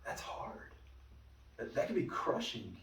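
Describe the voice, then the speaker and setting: A man's voice: mid-range voice, wildly swooping pitch, unhurried, whispered. Man teaching a Bible study, roomy and distant. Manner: conversational storyteller, frequent restarts. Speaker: pastor leading a Bible study. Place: church meeting room. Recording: roomy room, mic at a distance.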